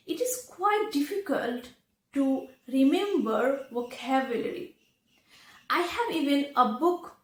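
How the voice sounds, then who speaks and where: In this echoey room, an English teacher and video presenter with a high-pitched voice gives instructional advice to learners in English, which is not her first language. Her pace is slow and careful, with guidance delivered in short chunks.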